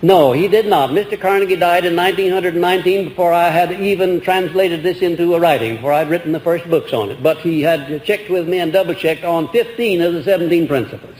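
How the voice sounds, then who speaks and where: A man's voice: high voice, brisk, hardly any pauses, darkish tone. Older man lecturing on an old echoey recording. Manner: earnest, rambling with restarts and rhetorical questions. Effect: old archival recording. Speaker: lecturer answering audience questions. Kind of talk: earnest motivational lecture. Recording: echoey old hall recording with faint hiss.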